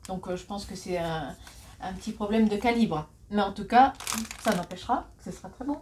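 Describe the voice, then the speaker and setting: A woman's voice: medium pitch, fairly quick, darkish tone, slight background noise. Chatty, giggly Frenchwoman in her forties. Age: 40s. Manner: chatty, giggly, self-mocking asides. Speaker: vlogger. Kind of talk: casual shopping haul vlog. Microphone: phone camera.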